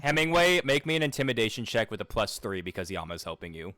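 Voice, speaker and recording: A man's voice: lowish voice, very animated, quick pace, pushed and bright, no echo, faint music behind. A man running a tabletop game as game master, laid-back and laughing easily. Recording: dry, close recording.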